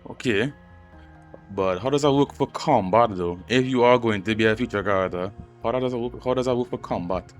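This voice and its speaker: Speaking briskly in a mid-range voice, a man reacts to a game's story in casual playthrough commentary, thinking out loud and saying things more than once. Game music plays under his voice.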